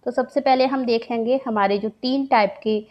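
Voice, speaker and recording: A woman's voice: a little high, steady tone, normal speed, muffled recording. A woman teaching grammar for an exam, patient and repeating each point while mixing English terms into her explanations. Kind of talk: exam-prep grammar lesson.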